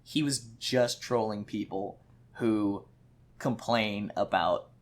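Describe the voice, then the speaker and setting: A man co-hosting a podcast in casual chat, opinionated and animated, acting out quotes. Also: fairly low pitch, slow. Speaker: podcast co-host.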